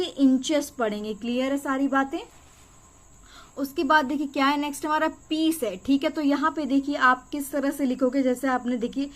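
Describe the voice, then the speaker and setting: A young woman teaching beginners, explaining each step patiently and checking often that students follow. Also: sits high. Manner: patient, repeats checks like "clear?" and "okay". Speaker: shorthand teacher.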